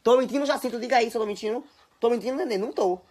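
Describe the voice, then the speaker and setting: A young woman speaks very fast in a darkish, fairly high voice, recording casual phone stories at home. She's a social media personality from Bahia, with a Bahian Brazilian Portuguese accent, exaggerating everything as she scolds and chatters.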